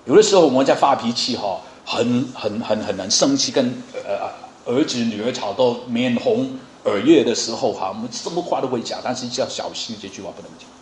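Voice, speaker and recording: A man's voice: medium pitch, lively intonation, a little fast, few pauses, a little hiss or hum. Man preaching a sermon in an echoey hall. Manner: conversational preaching, many fillers and rhetorical questions. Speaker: pastor.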